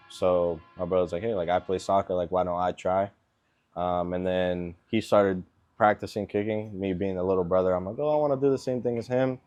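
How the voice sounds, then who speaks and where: A man in his twenties, born in Venezuela and raised in Miami, answering interview questions as an NFL kicker in a relaxed way, with lots of filler words. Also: deep voice, lo-fi sound. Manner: laid-back, lots of ums and likes.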